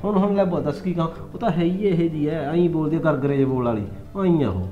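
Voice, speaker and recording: A man's voice: on the high side, fast talker, soft background music, lightly acted. A young man playing a joking husband who wheedles and pleads to win over his sulking wife. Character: coaxing young village husband. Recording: echoey, slightly muffled.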